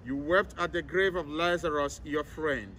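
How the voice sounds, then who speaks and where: A man leading a solemn graveside prayer as a priest, reciting in a measured, formal way outdoors. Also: on the high side, fairly bright tone. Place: outdoors in an open cemetery. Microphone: camera several meters away, speaker masked. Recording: outdoor recording with clear background noise.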